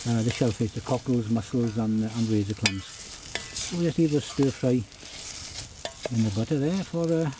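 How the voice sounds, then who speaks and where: A Welsh man in his fifties giving a relaxed, chatty cooking demonstration outdoors on a beach, with many ums and uhs. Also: medium pitch, normal speed, background noise. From Wales. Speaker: forager and outdoor cook.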